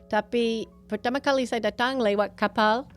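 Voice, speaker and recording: A woman's voice: fairly high pitch, steady tone, normal speed, soft background music. A woman from the United States with an American accent tells personal stories casually in Indonesian as a foreigner, a native English speaker slipping into English phrases. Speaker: interview guest, gallery owner and painter.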